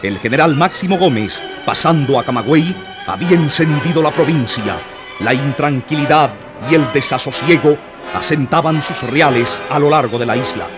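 A man's voice: on the high side, moderate pace. A man giving dramatic scripted narration of historical events for a radio drama, in a solemn, heightened manner. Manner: solemn, rising to heightened intensity in battle passages. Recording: narration over loud music.

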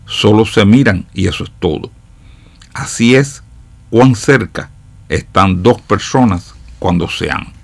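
A man with a fairly low voice delivers a reflective commentary for radio listeners. He tells his story at an unhurried, measured pace, like a parable read aloud. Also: creaky.

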